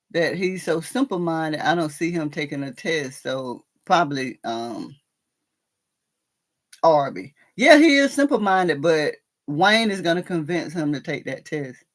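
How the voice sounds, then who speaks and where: A middle-aged woman, hosting a casual live chat, laughing often and telling stories in a drawl. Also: low voice. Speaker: livestream host discussing a TV drama.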